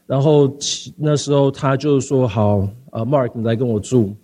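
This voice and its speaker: A young man telling a personal story, halting, with many fillers and repeated words and some English mixed in. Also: mid-range voice, mellow. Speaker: speaker sharing a personal testimony.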